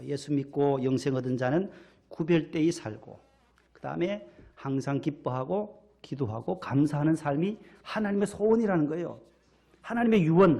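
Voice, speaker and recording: A man's voice: fairly high pitch, gravelly, mellow. A male pastor giving a sermon in a church, in a conversational, folksy way.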